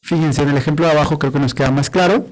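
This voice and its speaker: A man teaching a class on poetry, his voice sitting a little high for a man. He is patient and steady, slowing down to count syllables out loud one by one. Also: low-quality recording.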